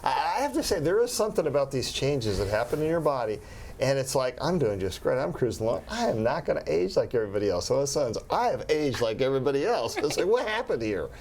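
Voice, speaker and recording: A man's voice: medium pitch, big pitch swings, fast talker, a little mellow, a little hiss or hum. A man in his sixties hosting a health talk show in a chatty way, with jokey asides. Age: 60s. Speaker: host.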